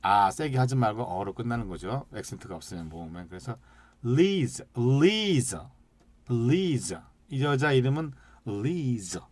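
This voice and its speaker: A man teaching an English lesson, stretching out sounds and syllables slowly as he demonstrates, and asking the class questions that he then answers himself. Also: lowish voice, animated, dry recording. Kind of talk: lecture with slide examples.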